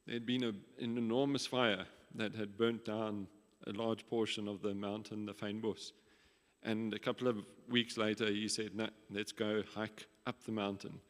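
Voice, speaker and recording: Flat-toned man reminiscing in a hall. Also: on the low side, moderate pace. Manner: reflective storytelling, some restarts. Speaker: nephew giving memorial tribute. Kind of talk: memorial speech. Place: hall at a memorial gathering. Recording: long reverb of a hall.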